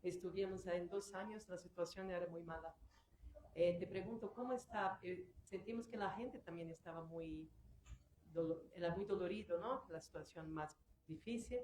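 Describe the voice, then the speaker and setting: A woman from Brazil with Portuguese as her first language, asking a question from the audience in an earnest, halting way. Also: lowish voice, a little mellow. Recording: echoey room, faint background noise.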